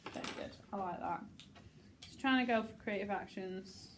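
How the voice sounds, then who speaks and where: A woman drama teacher directing a rehearsal in a classroom, brisk and encouraging as she suggests actions. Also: medium pitch, noisy background.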